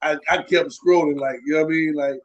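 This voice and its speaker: With a stuffed-up nose from a cold, a man co-hosts a podcast, chatting casually and animatedly and repeating himself often. His fairly high voice keeps a fairly even intonation at a quick pace, and the recording's highs are cut off.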